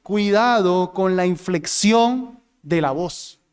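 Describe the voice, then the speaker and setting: A man's voice: sits high, slow pace, smooth. A male pastor teaching a sermon to his congregation, addressing them directly and acting out tones of voice as examples. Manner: demonstrates voice inflections, talks with the congregation.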